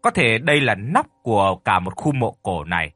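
A man narrating a horror story with a lively storytelling delivery. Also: on the low side, moderate pace, husky, no room sound. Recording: dry close mic with faint music.

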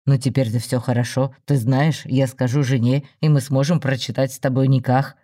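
A man's voice: medium pitch, little pitch movement, warm tone, close to an everyday voice. A man voicing a smug self-assured husband. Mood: placating. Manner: slow, soothing, self-justifying. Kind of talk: audiobook story reading.

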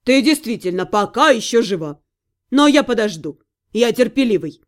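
A woman's voice: a little high, animated, moderate pace, close to an everyday voice. A woman voicing a smug, sarcastic male demon lord in an audiobook. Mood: sneering. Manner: sneering, sardonic. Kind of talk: audiobook character reading.

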